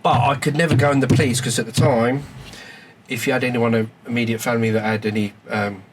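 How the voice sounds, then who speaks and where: A man's voice: medium pitch, fairly even intonation, fast. Man hosting a podcast, noisy background. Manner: brief encouraging replies, laughs easily. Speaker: podcast host. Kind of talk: casual interview chat.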